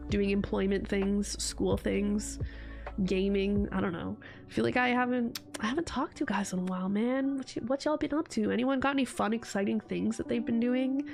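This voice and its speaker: Still getting over her cold, the young VTuber streamer talks in a creaky, mid-range voice that's stuffy and congested. Her casual chat wanders, punctuated by frequent laughter.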